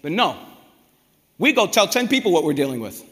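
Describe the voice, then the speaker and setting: High, bright-voiced animated male preacher. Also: a little fast. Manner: animated, conversational, acts out quoted prayers. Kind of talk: sermon. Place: church hall. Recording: reverberant hall.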